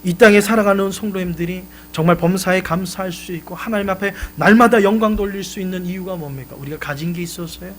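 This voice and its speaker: A male pastor preaching a live Sunday sermon, emphatic, swelling loud and then dropping low. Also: fast talker, few pauses, slight background noise. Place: church sanctuary.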